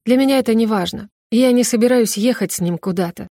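A woman's voice: on the high side, quick pace, mellow, no echo, clean studio sound. A young woman reading a novel aloud in the first person, her telling emotional and tearful. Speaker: audiobook narrator. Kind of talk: first-person scripted narration.

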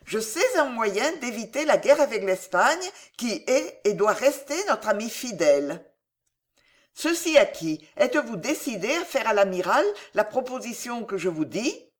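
In this audiobook character reading, a woman plays a scheming, cold queen mother who persuades with careful, deliberate phrasing. Her intonation is lively, and she sounds persuasive, measured and coolly victorious.

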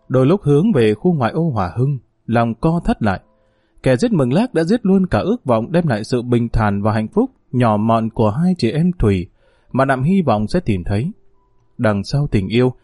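A man narrating a novel as an audiobook in an expressive, dramatic storytelling manner. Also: mid-range voice, dry recording, clean studio sound.

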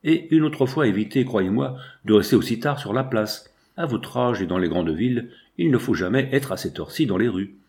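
A man reading the part of a kind young woman who comforts a frightened girl gently. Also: medium pitch, expressive, moderate pace, hardly any pauses, close to an everyday voice. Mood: comforting.

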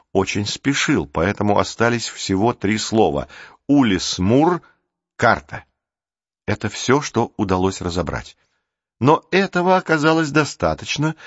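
A man narrating an audiobook calmly and evenly, in a dry, dull recording. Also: lowish voice, dry recording. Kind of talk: scripted narration.

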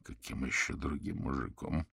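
A man's voice: a bass voice, gravelly, sharp tone, breathy edge, dry recording, clean studio sound, voice pushed down, full character voice. A man doing an urgent male detective. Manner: insistent, hurried.

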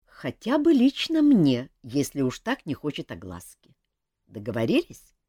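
A woman voicing a playful young king in a storybook, easygoing and teasing, voice leaping up and down in pitch, dry close recording without room sound. The reading stays lively and expressive throughout. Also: a little slow, breathy edge, no echo, full character voice. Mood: curious. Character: young man, a good-humoured teasing king.

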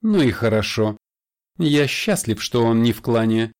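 A man's voice: medium pitch, expressive, unhurried, a little mellow, pitched above the performer's own voice, close to an everyday voice. A man voicing a sly, smirking male vampire elder who speaks in a raised, confiding voice in an audiobook. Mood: smug confiding.

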